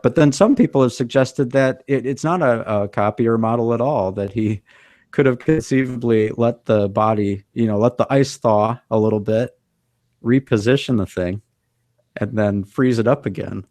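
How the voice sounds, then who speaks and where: A man co-hosting a podcast, explaining in a measured, thoughtful way in casual chat. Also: mid-range voice, darkish tone, no echo. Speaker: podcast co-host.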